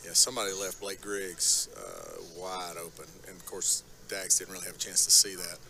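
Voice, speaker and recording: Man, lowish voice, easygoing football color commentary. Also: lively intonation, moderate pace, creaky, pushed and bright, a little hiss or hum. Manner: easygoing analysis of plays. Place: press box at an outdoor stadium.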